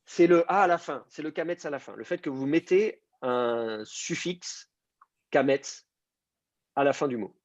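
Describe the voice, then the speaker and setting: A man's voice: fairly high pitch, a little slow, no room sound, highs cut off. A man teaching an online class, explaining patiently with many fillers and restarts. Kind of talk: online class on biblical Hebrew.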